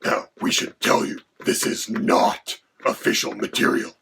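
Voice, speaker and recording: A voice, given as male, playing a haughty dragon companion with a gravelly, creaky, half-whispered sound. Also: measured pace, background noise, natural voice. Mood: lecturing. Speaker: co-host.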